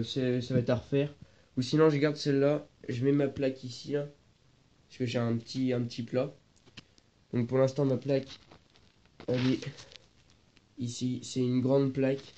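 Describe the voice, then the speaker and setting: A teen vlogger with a mellow, mid-range voice and a stuffy cold talks haltingly, searching for words while he films his moped work. It's a casual workshop vlog shot on a phone camera, first handheld and later propped. The audio is dull, noisy, and lo-fi.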